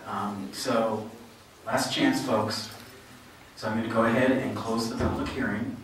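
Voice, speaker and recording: A man's voice: fairly low pitch, steady tone, unhurried, fairly bright tone, slight background noise. A man chairing a public hearing, polite and procedural, thanking people as he moves things along, heard from a distance in a hall. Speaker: meeting chair. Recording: echoey hall, distant mic.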